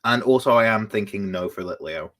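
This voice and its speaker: A man's voice: on the low side, brisk, fairly bright tone. A man hosting a casual live stream, chatting and often restarting his sentences. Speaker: streamer host.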